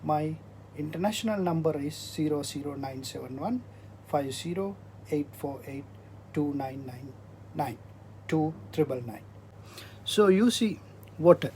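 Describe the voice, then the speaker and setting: A man from Sri Lanka, giving an earnest slide presentation and sales pitch, stressing key words. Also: darkish tone, a little hiss or hum. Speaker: product distributor presenting.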